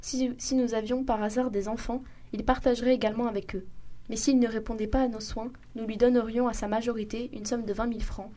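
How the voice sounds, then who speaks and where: A woman voicing a wealthy husband who sets out an offer in a measured, businesslike way, in a story reading. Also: a little high, little pitch movement, mellow, lightly acted. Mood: persuasive. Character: calm wealthy husband making a formal offer.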